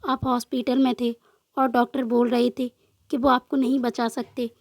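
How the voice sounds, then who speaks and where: A woman's voice: on the high side, flat delivery, moderate pace, gravelly, a little mellow, no room sound, clean studio sound. A woman voicing a tearful, frightened young woman in a storybook love tale, speaking with a trembling, pleading tone. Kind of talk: storybook narration with voiced dialogue.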